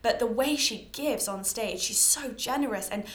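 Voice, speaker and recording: Under a towel at home, a British podcast host in her early twenties talks into her own purchased microphone, producing an echoey homemade sound. Her voice is fairly high and moderately paced, and her informal monologue is chatty, effusive and self-deprecating.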